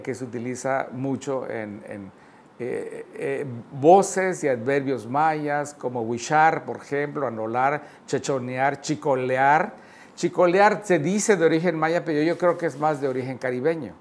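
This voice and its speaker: Male lecturer with a Yucatecan accent, mid-pitched and unhurried, fond of "¿no?" tags; faint noise in the background. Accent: Yucatecan Spanish. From Yucatán, Mexico. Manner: measured, with frequent "eh" fillers and "¿no?" tags. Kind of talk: online lecture.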